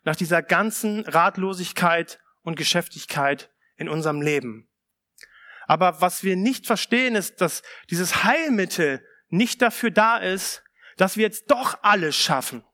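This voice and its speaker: A man preaching a sermon. He reads a Bible passage aloud, then explains it in a calm, measured way, mixing in casual asides. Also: high voice.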